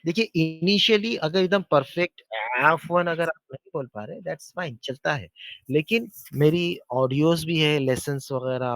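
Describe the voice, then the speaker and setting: A man teaching a beginner Arabic class over a video call, patiently repeating words slowly for his students. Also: a little high, creaky, fairly bright tone, no room sound. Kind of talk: online beginner language lesson.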